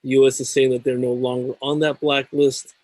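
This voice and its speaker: A male show host with a middle-pitched voice, reading through tech news in a measured way before he turns to his guest. The sound is close and dry, with no room around it. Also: level tone, a little mellow, no room sound, low-quality recording. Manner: measured, reads news items then chats. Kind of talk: scripted news segment and interview.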